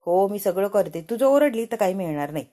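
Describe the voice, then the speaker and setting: A woman's voice: mid-range voice, animated, brisk, warm tone, natural voice. A woman voicing a bossy, scheming older woman who orders others around.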